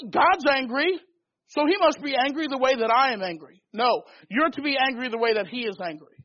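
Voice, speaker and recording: A man's voice: extremely high pitch, a bit bright. A man preaching a sermon in a fervent, emphatic way, pushing his points in rising bursts. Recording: dull lo-fi recording.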